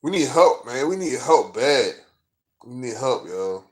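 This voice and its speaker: A man's voice: medium pitch, big pitch swings, measured pace. A man vlogging as a sports fan, ranting in a profane, frustrated and rambling way, full of fillers. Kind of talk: casual rant to camera.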